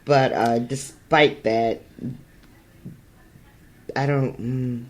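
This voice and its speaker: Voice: medium pitch, steady tone, very slow. A podcast co-host in casual chat about a book, sounding muffled and distant, as if heard through a wall, talking thoughtfully with many hesitations. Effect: muffled and distant, as if heard through a wall or a tube. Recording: muffled, far-off mic sound.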